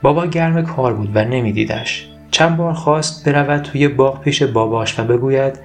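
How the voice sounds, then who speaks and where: A man reading a children's story aloud as a calm, scripted narration. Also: mid-range voice, soft background music.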